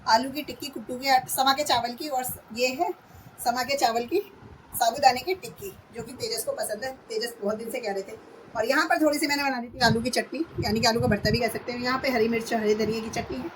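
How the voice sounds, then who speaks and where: A hoarse woman in her thirties chatting through a home vlog, describing her chores step by step. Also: a little high, a little fast, background noise. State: hoarse, voice going. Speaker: vlogger. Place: at home, indoors.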